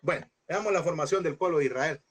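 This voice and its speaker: A man with a fairly high, slightly husky voice teaches a Bible class with preacher-like energy. He fires off rhetorical questions and jumps into high, shouted impressions when he acts out a scene. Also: fast talker. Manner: animated, mimics voices with sudden high shouts; addresses listeners as brother, rhetorical questions. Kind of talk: lively preaching lecture.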